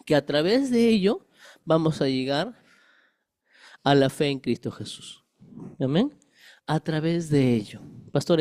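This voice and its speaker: Middle-aged pastor guy, kinda high voice, teaching a bible study, keeps quizzing the crowd, dry close sound. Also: warm tone, no echo. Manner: asks the congregation rhetorical questions; explains with homely everyday examples. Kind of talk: conversational Bible-study sermon.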